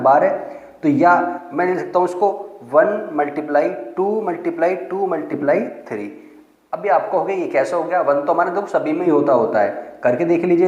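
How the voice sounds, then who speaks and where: A man's voice: on the high side, darkish tone, reverberant, lo-fi sound. A man teaching math, who explains step by step and asks and answers his own questions. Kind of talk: classroom lesson explanation.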